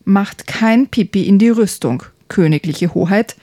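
A dignified talking horse, patient but sighing at his young master, as a woman reads him aloud. The delivery is unhurried and slightly husky, recorded dry and close. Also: medium pitch, warm tone, dry recording, close to an everyday voice. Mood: patient, reproachful.

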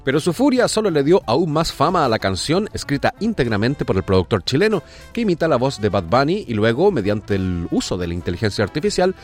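A man hosting a light news segment on odd stories, reading with jokey asides. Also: mid-range voice. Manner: jokey asides, lively delivery. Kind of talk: humorous news radio segment.

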